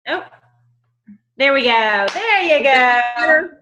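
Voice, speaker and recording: A woman's voice: high voice, animated, extremely slow, pushed and bright, muffled recording. A woman hosting a casual group call, effusive and encouraging as she talks. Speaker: host of the testimonial call.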